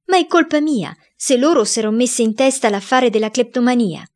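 A woman's voice: fairly high pitch, expressive, normal speed, darkish tone, voice pushed up, lightly acted. A woman voicing a mischievous young boy who pleads and whines to excuse himself in a read-aloud story. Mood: pleading. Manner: whiny, pleading.

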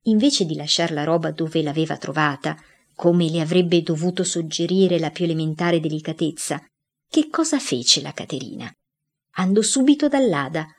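Woman reading a kids diary story out loud, measured and expressive. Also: fairly low pitch. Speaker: narrator.

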